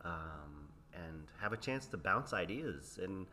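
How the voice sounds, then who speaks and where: Bright-voiced man in reflective chat. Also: sits low, lively intonation, slow. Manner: reflective, then jokey and laughing. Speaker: educator, podcast guest. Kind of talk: casual chat. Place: conference venue.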